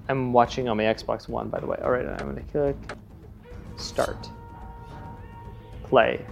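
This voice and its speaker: A man's voice: mid-range voice, vocal fry. A young man co-hosting a podcast, casually rambling through a solo audio commentary from his living room on a phone headset. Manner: rambling, self-correcting, chatty asides. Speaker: podcast co-host. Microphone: headset plugged into phone.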